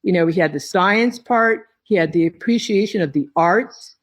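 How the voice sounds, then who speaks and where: A woman who heads a tea company, giving slow, reflective interview answers with her phrases broken by pauses. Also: lowish voice. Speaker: tea company head, podcast guest.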